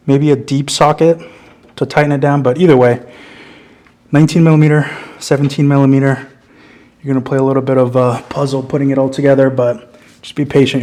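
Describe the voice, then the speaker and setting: A man casually talking through a car repair in his home garage, rambling and correcting himself as he goes. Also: mid-range voice. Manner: rambling, self-correcting, keeps saying "again". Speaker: DIY car mechanic host.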